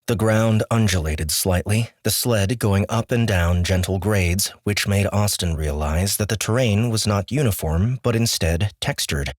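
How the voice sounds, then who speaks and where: A man narrating an audiobook with measured, steady storytelling. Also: on the low side, dry recording, clean studio sound. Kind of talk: scripted narration.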